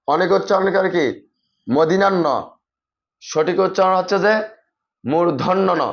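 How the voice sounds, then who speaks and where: Bangla letter teacher, man, lo-fi. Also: fairly high pitch. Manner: recites letters one by one, contrasts wrong and correct sounds; addresses viewers as brother, repetitive teaching phrases. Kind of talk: pronunciation lesson.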